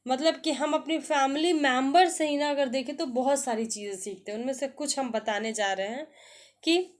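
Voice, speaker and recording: A woman teacher with a fairly high voice walks students through a textbook chapter. She reads each English sentence slowly and deliberately, then switches to a relaxed, chatty explanation full of questions to the class. Her tone is patient and conversational.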